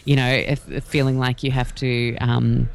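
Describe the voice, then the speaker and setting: A man's voice: medium pitch, little pitch movement, normal speed, vocal fry, clear, resonant tone. A man being interviewed as a guest about wellness courses, talking in a chatty, rambling way with many fillers. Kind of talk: casual podcast interview.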